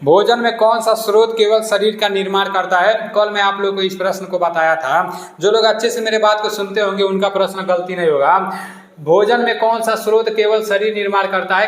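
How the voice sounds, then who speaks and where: A man's voice: sits high, fairly bright tone, roomy sound. A man coaching exam students through a quiz, repeating each question and giving the answer. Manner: repetitive, asks each question twice and answers it.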